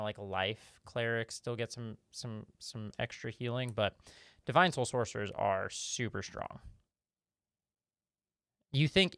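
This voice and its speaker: A man hosts a relaxed live-stream Q&A with a gravelly, fry-tinged voice. He rambles through viewer questions with fillers and restarts, recorded close and dry with no room sound. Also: medium pitch, no room sound.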